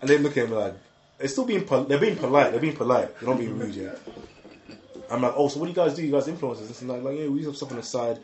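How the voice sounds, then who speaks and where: A young man telling an excitable, slangy story with lots of repeated words and laughter. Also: medium pitch, fast talker, roomy sound, a little hiss or hum. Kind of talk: animated casual storytelling.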